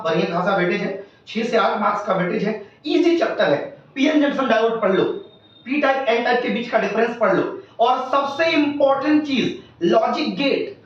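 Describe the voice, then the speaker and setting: A man's voice: very high voice, a bit bright. A man who teaches physics, giving emphatic exam tips as an interview guest and rattling off lists of topics. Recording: echoey, distant, dull room sound.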